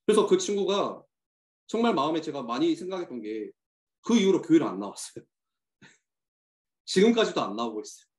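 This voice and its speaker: A man's voice: on the high side, big pitch swings, a little fast, pauses often. A man preaching earnestly to church teachers, telling a personal story with many hesitant fillers. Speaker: youth ministry pastor addressing teachers. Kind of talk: sermon message to church teachers. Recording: echoey room.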